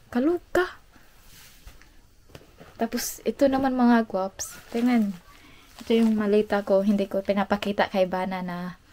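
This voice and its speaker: A woman from the Philippines, a vlogger chatting to her viewers and telling a story about her family. She talks in a chatty, animated way, laughs often and mixes in English. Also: medium pitch.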